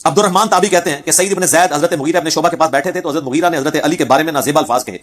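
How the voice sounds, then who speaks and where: A man giving a religious lecture on hadith, telling the stories vividly and acting out the quoted speech. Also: fairly high pitch. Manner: animated storyteller who acts out quoted speech. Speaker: Islamic preacher.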